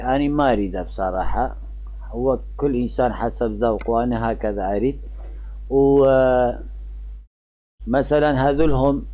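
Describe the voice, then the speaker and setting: A man's voice: medium pitch, dark tone, poor audio. A man with an Iraqi Arabic accent giving casual, chatty gameplay commentary as a gaming channel host, often trailing off mid-word.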